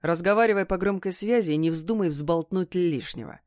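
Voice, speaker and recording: A woman voicing a gruff, burly male kidnapper who talks in a mocking, curt way, read as a character in an audiobook. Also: lowish voice, a little fast, a little mellow, no room sound, studio quality, lightly acted.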